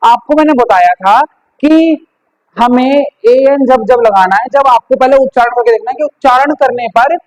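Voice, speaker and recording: A man's voice: extremely high pitch, moderate pace, rough recording. A man teaching English grammar, asking questions and answering them himself. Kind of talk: classroom grammar lesson.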